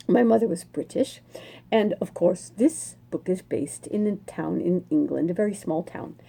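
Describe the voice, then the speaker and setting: A woman reads a picture book to children slowly, lingering on each phrase with expressive storytelling. Her voice sits on the low side and is soft and mellow, with no edge, though it carries vocal fry and a breathy quality. Her delivery is lively and sing-song, like a librarian at story time.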